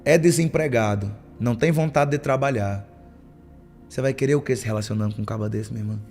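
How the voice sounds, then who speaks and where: A man's voice: medium pitch, fast, a little mellow, soft background music. A man preaching a sermon as a pastor, telling stories and acting out the lines of church members. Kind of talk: sermon with storytelling.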